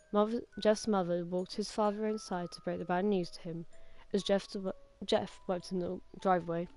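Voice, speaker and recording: A woman casually reads a creepy story aloud on a game stream, stumbling and restarting often. Her pitch sits in a middle range for a woman, with faint game music behind. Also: a little mellow. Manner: halting, with many restarts and self-corrections.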